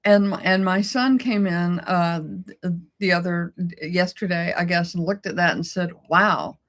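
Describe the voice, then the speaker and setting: A woman's voice: on the low side, fairly even intonation, moderate pace. A middle-aged woman co-hosting a casual chat, telling a personal story in an emotional way and laughing often. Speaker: co-host.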